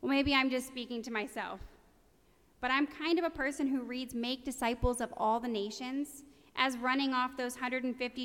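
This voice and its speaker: Woman, preacher, sermon, earnest, conversational, self-deprecating, slightly high voice, long hall reverb. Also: a bit bright.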